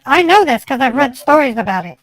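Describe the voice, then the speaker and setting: A man's voice: very high voice, very animated, fairly quick, a bit bright, pitched above the performer's own voice, full character voice, low-quality recording. A man putting on the voice of a stubborn, irritated woman bank customer who argues insistently and keeps repeating herself in an improvised phone prank.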